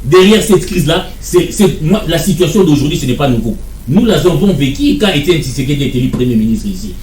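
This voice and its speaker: A man's voice: on the high side, sing-song, brisk, darkish tone, echoey room, recorded from a distance, slight background noise. A man, arguing as a guest in a televised political debate, insistent and repeating his points. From Democratic Republic of the Congo.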